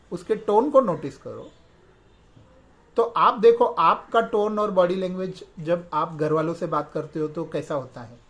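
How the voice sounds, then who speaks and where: An earnest man talks through how families should speak to each other, explaining patiently and slipping English words in as he goes. His voice sits a little on the higher side. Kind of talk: reflective talk on family communication.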